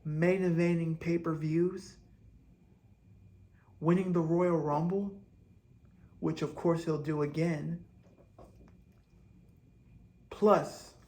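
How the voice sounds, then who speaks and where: A man with a somewhat high voice lays out wrestling storylines at an unhurried pace. He rambles and restarts his sentences as he speculates. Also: steady tone, mellow. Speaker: host. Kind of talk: wrestling fantasy-booking commentary.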